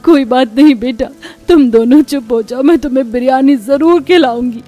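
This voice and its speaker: A woman's voice: high voice, moderate pace, warm tone, dry recording, faint music behind, voice pushed up, lightly acted. A woman voicing a poor, loving village mother in a cartoon, fierce and caring toward her children. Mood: soothing.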